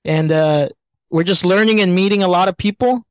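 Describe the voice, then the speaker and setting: A man talking casually as a podcast guest. His voice is a touch high for a man and the sound is dry and close. He rambles, restarts and leans on fillers. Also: moderate pace, clear, resonant tone, no room sound. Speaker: bartender, guest.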